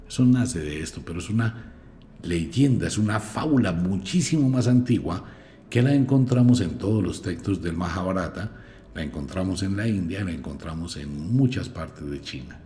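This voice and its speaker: A man's voice: low-pitched, normal speed, a little hiss or hum. A man, hosting a podcast and reading scripture aloud with blunt, mocking commentary. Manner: mocking, blunt, lively storyteller. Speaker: podcast host. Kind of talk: scornful commentary with Bible reading.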